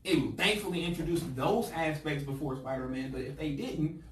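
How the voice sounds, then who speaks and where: Man, podcast co-host, excitable, quick talker, slightly high voice, heard from off-mic in an echoey room. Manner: excitable, fast-talking, builds up announcements. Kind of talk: casual podcast chat. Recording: echoey room, far from mic, faint noise.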